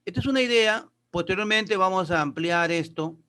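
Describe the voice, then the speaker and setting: A male teacher with a slightly raised voice walks his pupils through grammar and pronunciation one step at a time. He reads English sentences aloud slowly and deliberately. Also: sits high, pushed and bright. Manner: explains step by step, addresses pupils as kids. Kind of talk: classroom lesson.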